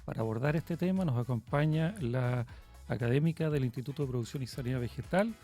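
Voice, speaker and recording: A man's voice: mid-range voice, fairly quick, dark tone, soft background music. A man co-hosting a podcast, introducing guests with frequent fillers. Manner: many hesitation fillers. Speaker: podcast co-host, communications officer.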